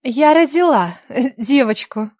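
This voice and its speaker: A woman's voice: high voice, animated, measured pace, a little mellow, no room sound. Desperate young mother, read by a woman, pleading and tearful, raised and dry. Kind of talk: audiobook character voice.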